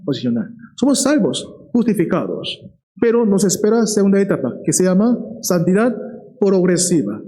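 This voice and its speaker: A man preaching a sermon in a lively way. He often checks in with the listeners and slows down to stress key words. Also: high-pitched, poor audio.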